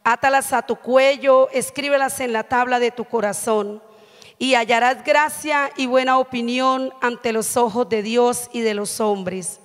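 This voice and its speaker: A woman's voice: a little high, steady tone, measured pace. A middle-aged woman preaching a sermon at a church pulpit with a handheld mic, earnest, often checking in with the congregation. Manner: earnest, frequent "amén" and "¿sí?" checks. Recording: long hall reverb.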